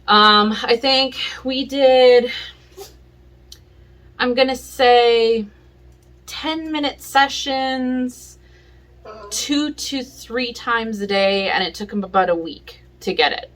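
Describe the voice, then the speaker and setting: A woman casually explaining dog training in a home vlog, relaxed and chatty, with plenty of fillers. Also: a little high, unhurried. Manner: relaxed and chatty, with many fillers and little laughs. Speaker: pet vlogger. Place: home, indoors.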